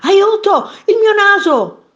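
A woman voicing a panicked gentleman who has lost his nose, in a shrill, frantic shout while reading a children's story. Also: very animated, slow, highs cut off, full character voice.

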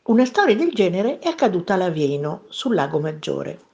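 A woman narrating a children's story in a playful, expressive way. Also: on the low side, a little fast, gravelly, highs cut off.

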